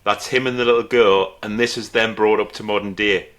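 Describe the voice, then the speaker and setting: A man co-hosts a casual podcast. He keeps it relaxed, mostly chiming in with short replies and now and then recommending a film. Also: lowish voice, a little fast. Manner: relaxed, brief agreeing replies. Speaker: podcast co-host. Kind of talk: casual chat.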